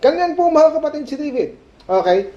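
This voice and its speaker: A male pastor preaching a sermon at a prayer meeting, animated, mixing Tagalog and English and checking in with "Okay?". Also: extremely high pitch, a little fast. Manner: mixes Tagalog and English mid-sentence. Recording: dull lo-fi sermon recording.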